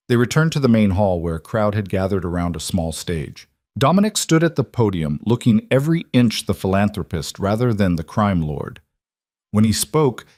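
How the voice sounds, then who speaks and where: A man narrating a crime thriller in a steady, dramatic storytelling style. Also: fairly low pitch, dry recording, studio quality. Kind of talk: scripted audiobook narration.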